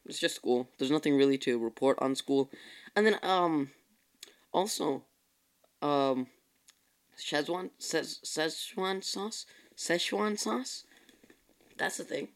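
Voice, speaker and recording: This is a tired young man running his own podcast, talking casually and rambling while frequently correcting himself. His voice is a little high, with a clear, resonant tone. It's a laid-back solo podcast chat from the host.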